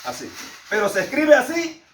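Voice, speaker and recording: This man's voice is extremely high and a bit bright, its pitch swooping wildly at a normal speed. With a Salvadoran Spanish accent, he teaches a Bible class, emphatically repeating key words and posing questions to the class. The recording is echoey, with the speaker far from the mic.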